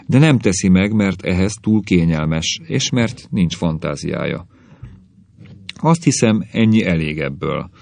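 A bitter, scornful husband, put on by a male audiobook reader, lectures and sneers in a very low, gravelly voice. Each remark drips with contempt. The recording is close and dry. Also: expressive, darkish tone, dry recording. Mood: lecturing. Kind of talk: audiobook reading.

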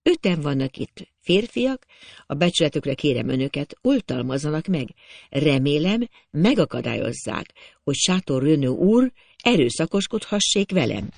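A man's voice: a little high, big pitch swings, vocal fry, no room sound, heavily acted. A man reading a proud young woman who speaks with defiant dignity in an audiobook. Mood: pleading. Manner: dignified, pleading.

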